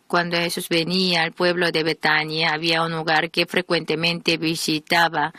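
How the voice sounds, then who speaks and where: Bright, dry female sermon voice-over. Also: on the low side, no echo. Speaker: voice-over reader of a translated sermon.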